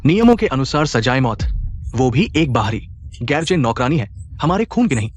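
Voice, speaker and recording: A man's voice: medium pitch, sing-song, normal speed, natural voice. A man voicing a sneering clan schemer. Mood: scheming. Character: scheming male rival of a martial clan. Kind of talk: Hindi-dubbed short drama.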